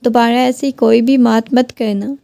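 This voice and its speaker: A woman's voice: a little high, steady tone, vocal fry, dark tone, no echo, studio quality. A woman reading the lines of a stern, defensive young husband in a firm, reasoning voice.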